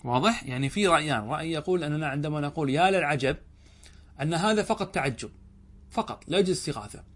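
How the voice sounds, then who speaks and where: A man, a sheikh, giving a classroom lecture on a grammar text. He reads a passage, explains it, asks questions and answers them himself, and repeats examples slowly. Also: fairly high pitch, lively intonation, a bit bright. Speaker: sheikh teaching Arabic grammar.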